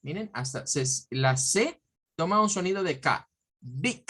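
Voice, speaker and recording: Male teacher drilling English words slowly. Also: sits high, animated, bright, forceful tone. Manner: slow, drawn-out model words repeated several times; explanatory, often checking with "¿verdad?". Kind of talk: pronunciation lesson.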